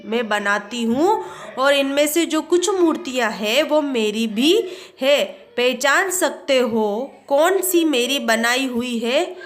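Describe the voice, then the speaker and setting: A woman teacher reading the lines of a young village girl who pleads to be taught, in a slow, insistent way. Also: high-pitched, animated. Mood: pleading.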